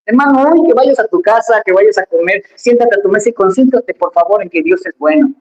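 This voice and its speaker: A pastor preaching a lively, emphatic sermon, speaking straight to the congregation in a church. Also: medium pitch, fairly quick, lo-fi sound. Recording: echoey church hall.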